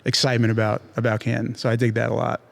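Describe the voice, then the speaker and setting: A young man talking easily as a guest on an interview show. His pitch sits in the middle, and his delivery is loose and chatty, full of fillers and casual slang. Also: very fast, creaky. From born in Chile, raised near New York City. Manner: relaxed and chatty, many fillers like "like" and "you know". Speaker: guest, pizza shop owner.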